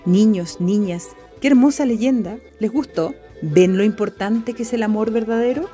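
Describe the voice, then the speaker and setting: Give me a woman telling a children's legend gently, with a warm, mellow tone. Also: mid-range voice, soft background music. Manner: slow, gentle storytelling. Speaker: school radio presenter. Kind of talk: storytelling narration for children.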